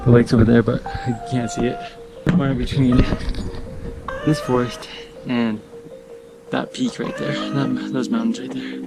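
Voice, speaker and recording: A man's voice: medium pitch, creaky, rough recording. A young man talking casually to camera on a mountain trail, a little out of breath as he walks. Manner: easygoing, talks while walking uphill. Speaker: vlogger. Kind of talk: casual hiking vlog to camera.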